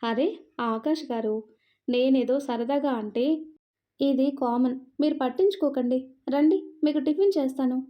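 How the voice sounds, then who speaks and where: A woman's voice: sits high, normal speed, close to an everyday voice. A woman voicing a shy, sweet young wife in a romantic storybook, speaking coyly and fussily on a slightly muffled recording.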